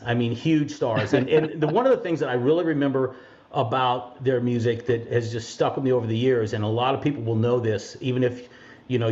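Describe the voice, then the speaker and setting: Guy hosting a podcast, halting and earnest, kinda muffled sound. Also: mid-range voice, darkish tone. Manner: halting, earnest, many restarts. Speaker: podcast host. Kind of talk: casual interview.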